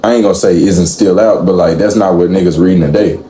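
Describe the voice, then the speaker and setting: A man's voice: sits low, fast talker. A man in his twenties, a guest on a casual podcast, talking bluntly and cursing freely. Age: 20s. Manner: blunt, profane, animated. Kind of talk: casual chat. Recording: echoey room, faint room noise.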